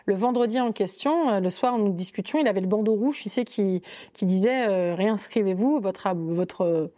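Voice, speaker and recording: A young woman tells her dating story as a podcast guest. She talks in a lively, chatty way, full of fillers and quoted inner thoughts, at a middling pitch. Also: moderate pace.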